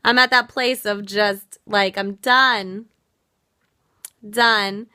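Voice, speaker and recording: Her voice, medium in pitch with fairly even intonation, comes out very slowly and has a sharp yet smooth tone. She's an American woman running a casual live stream, losing her voice and sounding worn out as she earnestly reflects on viewer comments. The audio is studio quality with no room sound.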